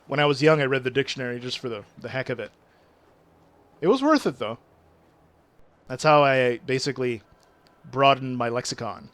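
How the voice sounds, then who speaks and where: This man has a mid-range voice with a fairly bright tone and a regional French accent, being a native French speaker. On a game stream he chats casually with his viewers, reading their chat messages aloud and using big words.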